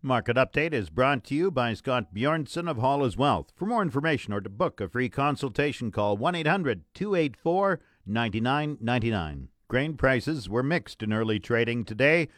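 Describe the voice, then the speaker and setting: A man's voice: medium pitch, expressive, normal speed, few pauses, no echo, clean studio sound. A man presenting a radio farm report, reading scripted market prices.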